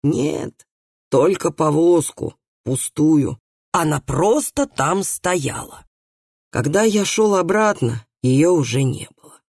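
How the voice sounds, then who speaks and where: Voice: medium pitch, animated, slow, a little mellow, no room sound, studio quality. A reader voicing a frightened man, an executioner's helper, who answers in a weak, faltering voice. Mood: uneasy.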